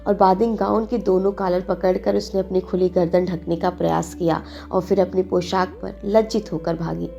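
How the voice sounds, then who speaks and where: A woman reading a novel aloud as an audiobook narrator, in an even, literary storytelling manner. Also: lowish voice, normal speed, creaky, few pauses, muffled recording, faint music behind. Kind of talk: scripted narration.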